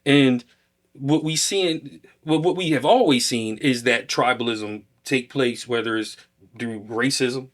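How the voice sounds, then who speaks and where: A man co-hosts a casual podcast. He lays out his points step by step in an easygoing, conversational way, at a mid pitch. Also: unhurried. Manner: relaxed, explanatory, builds points step by step. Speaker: podcast co-host.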